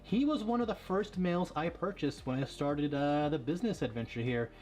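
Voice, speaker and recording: A man breeding ball pythons, talking casually and quickly with lots of fillers as he shows his snakes. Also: on the high side, lively intonation, darkish tone, faint music behind. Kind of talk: casual vlog showing animals.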